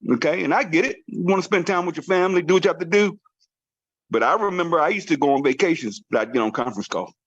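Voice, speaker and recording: A man's voice: on the high side, lively intonation, fast, fairly bright tone, breathy edge, dry recording, dull audio. A man leading a motivational team training call, urging and repeating his points with emphatic, preacher-like drive. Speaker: network marketing team trainer. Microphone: conference call line.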